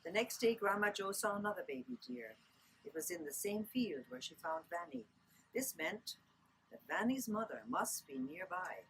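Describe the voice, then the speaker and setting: A woman's voice: on the low side, a bit bright, slight background noise, rough recording. An Irish woman telling stories to children in a lilting, dramatic read-aloud manner, drawing out words for effect. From Ireland. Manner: lilting, dramatic storytelling delivery with drawn-out words. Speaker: storyteller.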